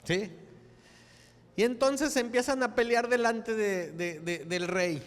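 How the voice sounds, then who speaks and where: Brief: joking pastor preaching, high, resonant voice, church hall echo. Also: male voice, takes it slowly. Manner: lively, joking, asks the congregation questions. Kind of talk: sermon.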